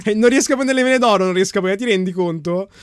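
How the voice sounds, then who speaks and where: A male gaming channel host in casual chat, playful and teasing, with quick exclamations. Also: high voice, clear, resonant tone, no echo.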